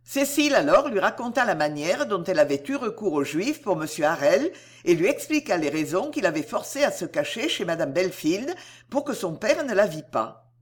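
A woman narrating a classic novel as an audiobook, in a measured literary reading. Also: fairly low pitch, very animated, breathy edge.

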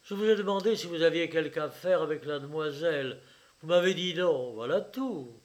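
A man voicing a calm, cold young man who answers his father in a measured way. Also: on the high side, natural voice.

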